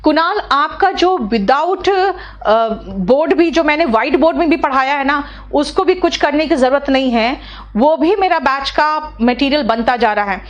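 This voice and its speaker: A woman with a high voice runs a live online English class. She explains legal words in Hindi mixed with English terms, talking quickly and chattily and repeating key words as she goes. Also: animated, lo-fi sound. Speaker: English teacher.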